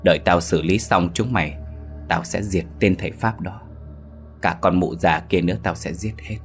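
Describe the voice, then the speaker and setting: Vengeful possessing ghost, as a deep-voiced man puts it on. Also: normal speed, soft background music. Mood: menacing. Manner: menacing, threatening. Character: vengeful male foreign ghost possessing a boy.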